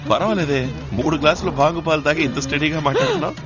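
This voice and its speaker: A man in comedic film dialogue, talking fast, swinging from threats to whining. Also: fairly high pitch, wildly swooping pitch. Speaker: film character. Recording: dull film soundtrack with music. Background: film music.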